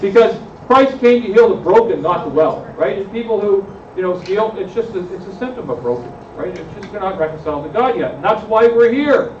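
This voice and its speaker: A high-voiced man leads a church discussion group and keeps asking questions of the room. He is recorded from across an echoey room, so he sounds muffled and distant, with faint noise behind him. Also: lively intonation, fairly quick, hardly any pauses. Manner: questions the group, frequent "right?" tag. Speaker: pastor leading a group discussion. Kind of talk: conversational Bible study discussion.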